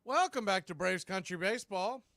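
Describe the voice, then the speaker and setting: A man's voice: vocal fry, dry recording. Dry, close-miked baseball play-by-play man. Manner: steady, measured calling of each pitch. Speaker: play-by-play announcer.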